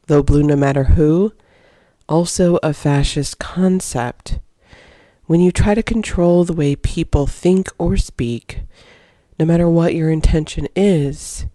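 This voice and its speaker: A woman's voice: low-pitched, mellow, no echo. A woman hosting her own podcast, delivering an opinionated, emphatic solo monologue into a close microphone. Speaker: podcast host.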